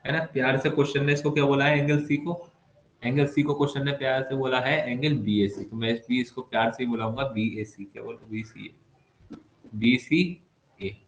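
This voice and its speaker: A man's voice: mid-range voice, flat delivery, fast. A man teaching maths in an online class, playful and chatty, teasing his students with asides. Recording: echoey room with faint background noise.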